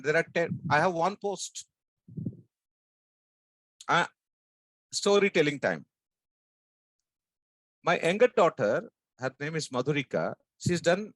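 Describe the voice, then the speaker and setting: Higher-pitched older man, strong Telugu accent. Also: fairly bright tone, dry recording, low-quality recording. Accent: strong South Indian Andhra Telugu. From South India, Andhra. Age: 59, about sixty. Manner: emphatic, rhetorical questions, short deliberate phrases. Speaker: sales trainer and business coach. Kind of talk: motivational training talk to an audience.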